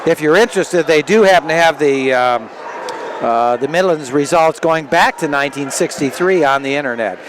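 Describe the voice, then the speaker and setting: An older male commentator with a higher-pitched voice calls wrestling play-by-play on live radio at a moderate pace, mixing in casual banter. He is a former wrestler and referee, broadcasting from a noisy indoor sports arena full of loud venue noise.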